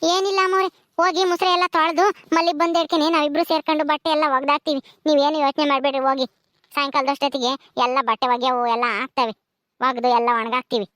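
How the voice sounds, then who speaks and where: A woman's voice: high-pitched, level tone, fast talker, a bit bright, no room sound, studio quality. A woman with a rural Karnataka accent plays a meek young village housemaid who pleads with her mistress. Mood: soothing. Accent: rural Karnataka Kannada. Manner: pleading, deferential, calls her mistress ammore. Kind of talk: homemade village drama.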